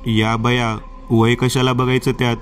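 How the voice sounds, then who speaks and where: A man's voice: medium pitch, level tone, a little slow, faint music behind, close to an everyday voice. A man voicing a bold tamasha dancer who is secretly a vengeful female ghost, in a coaxing, earthy rural manner.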